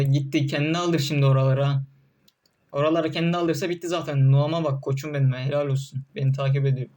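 A man's voice: on the high side, a little mellow. A young man doing casual gameplay commentary, often frustrated, cursing and barking orders at his troops. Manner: frustrated, swearing, talking to game troops.

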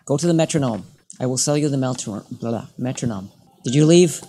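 A man talks through a video game in a loose, joking let's-play style. His voice is animated and bouncy in pitch as he mock-bargains and argues with the characters. Faint game music plays behind him. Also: fairly quick. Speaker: gameplay commentator. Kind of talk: casual let's-play commentary.

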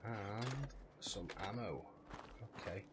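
A man's voice: fairly low pitch, slow. A man giving casual gameplay commentary, informal and sweary, thinking aloud as he goes. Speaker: gaming video host. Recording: clearly noisy background with clicks.

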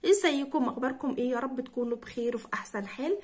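A woman English teacher with an Egyptian Arabic accent, leading a vocabulary drill and repeating each word slowly and clearly for her pupils. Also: high voice, mellow.

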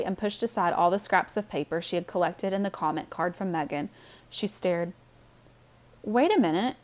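A woman narrating a children's novel aloud in a calm, steady reading voice. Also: lowish voice. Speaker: audiobook narrator. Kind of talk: storybook narration.

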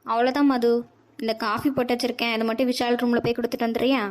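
A woman playing a gentle mother-in-law. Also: a little high, little pitch movement, very fast, natural voice. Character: mother-in-law, kind homemaker.

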